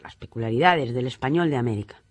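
A man's voice: mid-range voice, fast talker, no echo. A man hosting a radio interview, politely steering his guest toward the next topic. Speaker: radio host. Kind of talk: interview questions.

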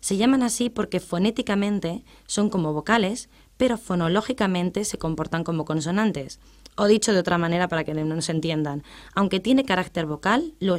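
A woman explaining English grammar in a radio lesson, patient and methodical, reading out English examples slowly. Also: fairly low pitch.

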